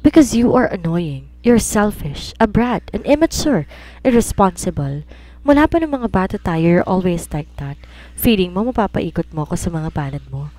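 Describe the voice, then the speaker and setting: A woman's voice: on the low side, animated, normal speed, a little hiss or hum, natural voice. A woman voicing an angry, drunk young man who coldly pushes a woman away in an audio romance story. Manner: cold, cutting, shouting.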